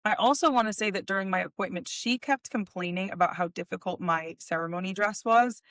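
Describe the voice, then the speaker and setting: A young woman podcast co-host, chatting casually and telling a long story in an animated way, with many "like"s. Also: mid-range voice, a little fast, no room sound, clean studio sound. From United States. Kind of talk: casual chat.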